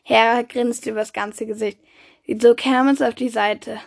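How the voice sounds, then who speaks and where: A woman reads a storybook aloud in German, bringing the characters to life as she goes. Her voice sits a little high and has a gravelly edge. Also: measured pace. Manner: lively, voices the characters' quoted lines. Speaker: reader. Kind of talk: reading a children's book aloud.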